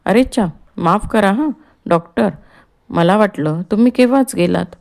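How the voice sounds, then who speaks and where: A woman's voice: mid-range voice, normal speed, vocal fry, a little mellow, pitched above the performer's own voice, lightly acted. A woman reading the part of an ailing, restless older man who frets and complains about being kept in bed. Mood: fretful. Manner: complaining, agitated.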